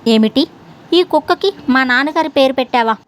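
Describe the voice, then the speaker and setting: A woman voicing an angry young woman quarreling with her neighbor in sharp, scolding words. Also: sits high, expressive, normal speed.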